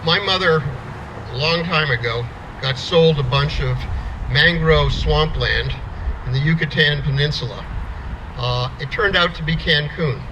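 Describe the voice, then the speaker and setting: A man's voice: mid-range voice, pushed and bright, slight background noise, poor audio. A middle-aged man from the United States telling a plainspoken story at an outdoor rally, restarting words as he goes. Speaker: rally speaker.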